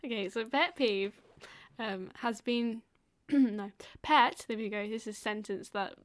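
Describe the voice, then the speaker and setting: A woman's voice: fairly high pitch, measured pace. A woman co-hosting a casual podcast, explaining things at length with frequent fillers and laughter. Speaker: podcast co-host.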